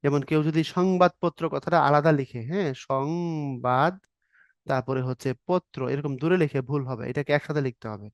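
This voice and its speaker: In a dry, close recording, a man with a fairly high voice teaches an exam-prep grammar class at a moderate pace. He walks through each rule step by step, acts out short example questions and answers, and keeps checking that students are following.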